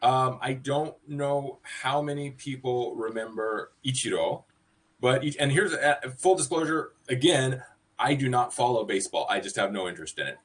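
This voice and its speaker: A man from California hosting a podcast, chatting in an animated, reflective way with frequent restarts. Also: medium pitch, moderate pace, low-quality recording. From California, USA. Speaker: podcast host. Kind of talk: casual podcast chat.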